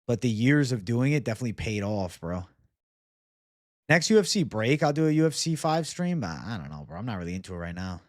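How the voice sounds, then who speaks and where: A man in his twenties chats off the cuff as a livestream host. His voice sits at an average pitch, and his talk is loose, slangy and peppered with swearing as he answers viewers. The sound is dry, with little room in it. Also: big pitch swings, fairly quick, darkish tone, no echo. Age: 20s. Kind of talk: casual livestream chat, reading and answering viewer comments.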